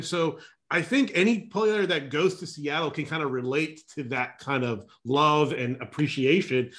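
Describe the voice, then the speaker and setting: Guy co-hosting a sports chat, fairly high voice, rambles, says and and and a lot. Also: a bit bright. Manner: rambling, repeats words, earnest. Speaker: podcast co-host.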